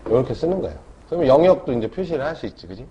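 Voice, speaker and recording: Speaking very fast in a mellow, sing-song, mid-range voice, a man delivers an informal math lecture and keeps checking in with the class through tag questions. The recording is a dull, lo-fi classroom capture with faint noise.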